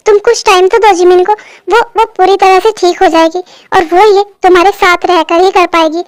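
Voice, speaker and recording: A woman voicing a caring middle-aged mother who calmly reassures and persuades, in an amateur fan dub. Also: extremely high pitch, moderate pace, no room sound, clean studio sound. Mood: persuasive.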